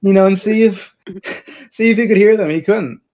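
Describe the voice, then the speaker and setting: A young man co-hosting a casual chat, telling relaxed anecdotes and swearing casually. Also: sits high, moderate pace, slight background noise, rough recording. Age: young adult. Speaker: podcast co-host.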